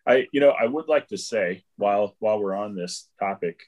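A man with a deep, low-pitched voice co-hosting a movie podcast. He chats casually and wanders through his points with plenty of fillers. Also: moderate pace, a little mellow, highs cut off. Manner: rambling, loose recommendations with fillers. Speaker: podcast co-host. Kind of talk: casual chat.

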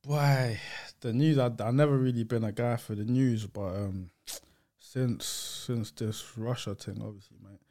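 A man's voice: medium pitch, steady tone, measured pace, mellow. A man with a London roadman accent talks as a guest in a casual chat. His speech is thick with street slang and a little hesitant, with thoughts that often trail off. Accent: London roadman, urban slang. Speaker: podcast guest.

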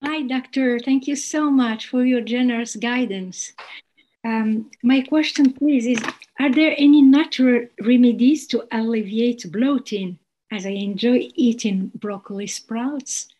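Female audience member, higher pitched, mellow tone, polite. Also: unhurried. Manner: polite and formal. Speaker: audience member asking a question. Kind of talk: polite question.

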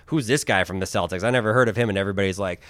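Animated, low-voiced male storyteller. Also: rapid-fire, no room sound. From Philippines. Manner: animated storyteller, acts out quotes. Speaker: host. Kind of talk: casual interview chat.

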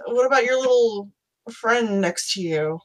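A woman's voice: a little high, animated, unhurried, pitched above the performer's own voice. A woman voicing a friendly female half-orc with a Southern American accent, speaking in a folksy drawl in a tabletop game.

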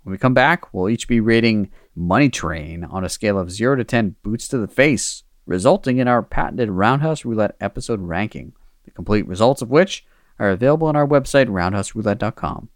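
A man hosting a podcast, talking in an animated, playful way. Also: fairly low pitch, a little fast, dry recording, clean studio sound. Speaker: podcast host. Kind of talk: casual chat.

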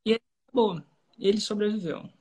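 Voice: medium pitch, fast talker, mellow. A speaker with a Brazilian accent, hosting a podcast and telling a story in a casual, conversational way. The speaker acts out quoted dialogue and often says "cara". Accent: Brazilian Portuguese.

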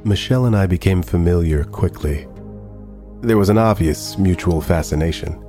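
A low, mellow male voice plays a humanlike android AI in a science-fiction audio drama, lightly acted, with faint music behind him. He speaks formally and deliberately in measured phrases, carrying a proud yet wistful quality and a reflective mood.

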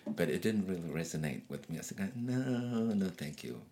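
A middle-aged man from Eritrea whose first language is Tigrinya chats easily in a casual interview, telling stories about home with restarts and laughter. His low, dark-toned voice is animated, at a normal speed.

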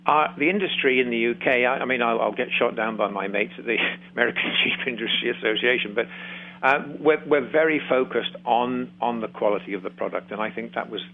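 A man with an English accent, from Shropshire, talking as an interview guest in an easygoing, halting way full of fillers, heard over a remote line. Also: mid-range voice, vocal fry. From Shropshire, England. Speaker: guest, farming consultant and radio host. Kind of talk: casual interview talk. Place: remote, not in the studio. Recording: tinny phone-like line.

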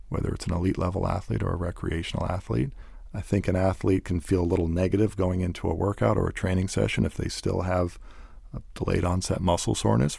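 A man's voice: low voice, vocal fry, a little mellow, slightly rough, no room sound, studio quality. A man, a physical therapist, giving conversational advice as an interview guest.

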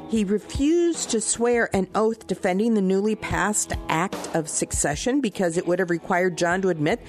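A woman's voice: mid-range voice, lively intonation, moderate pace, darkish tone, faint music behind. A woman hosting morning radio, chatting and telling the story of a saint in a teasing, friendly way. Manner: chatty, teasing, tells stories. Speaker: radio show host.

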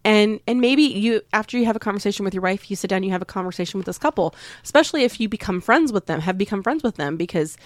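A woman co-hosting a podcast in casual chat, talking frankly and with animation, teasing and quick to laugh. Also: mid-range voice, lively intonation, no echo. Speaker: podcast co-host.

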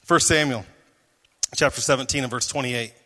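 A man preaching a sermon as pastor, reading scripture aloud and joking with his listeners in an animated way. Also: mid-range voice, normal speed. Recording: long hall reverb.

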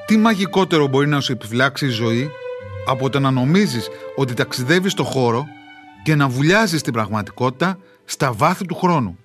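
A man, an author, reading aloud his own travel memoir in a wry, measured literary storytelling manner with dramatic pauses. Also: mid-range voice, expressive, soft background music.

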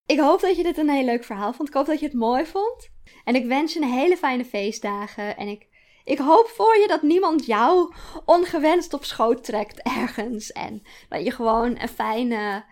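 A woman's voice: fairly high pitch, a little mellow. Woman reading her own story aloud. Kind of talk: storytelling narration.

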